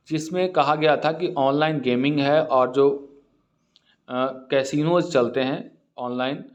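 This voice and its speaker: A man with an Indian accent, teaching English by reading editorial lines slowly and then explaining word meanings in Hindi. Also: fairly high pitch.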